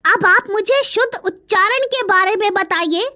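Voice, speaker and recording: A woman's voice: very high voice, measured pace, pushed and bright, heavily acted. A woman voicing an eager young male crow chick in a cartoon story, repeating sounds after his teacher.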